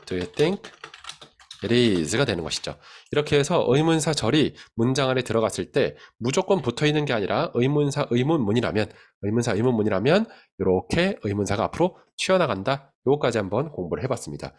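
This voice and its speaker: A man giving an English grammar lesson with a lively, sing-song pitch. He explains in Korean at a steady pace and slows right down to read each English example word by word. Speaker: English teacher.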